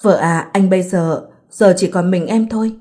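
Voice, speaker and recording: A woman voicing a drunk, self-pitying husband who pleads with his wife, read in an even storytelling voice. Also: high-pitched, normal speed, natural voice. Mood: drunk pleading.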